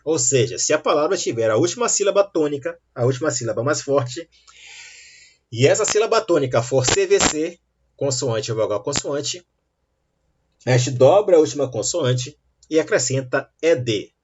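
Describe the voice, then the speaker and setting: A man with a voice on the high side, expressive, teaches English grammar against a noisy background. He explains slowly and patiently, checking in with rising questions like "tá bom?", on a dull lo-fi recording.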